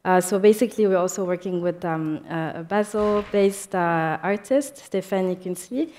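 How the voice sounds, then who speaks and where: A young woman speaking on a panel about her diaspora organization's work, halting with frequent fillers and restarts. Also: fairly low pitch, darkish tone. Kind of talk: panel discussion remarks.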